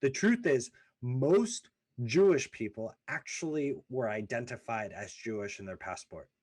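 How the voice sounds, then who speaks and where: This podcast host is a man in his thirties, born in the former Soviet Union and raised in the US, telling his family's immigration story as a personal monologue. His voice is medium-pitched, a little mellow and husky, with lively intonation and a slightly slow pace. He speaks earnestly and emphatically, stacking lists and repeating phrases for weight.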